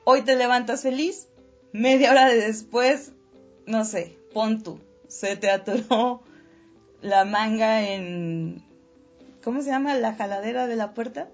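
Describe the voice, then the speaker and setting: A woman's voice: on the high side, slow. A young Mexican woman hosting a podcast, chatting casually in crude slang and laughing often. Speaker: podcast host. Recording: dull lo-fi audio with faint music.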